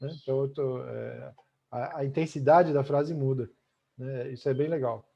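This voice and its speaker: A man's voice: mid-range voice, steady tone, normal speed, creaky. A middle-aged man with a Brazilian accent, teaching a chatty online language lesson and tagging almost every sentence with "né?". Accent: Brazilian Portuguese. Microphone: video call. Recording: muffled video call audio.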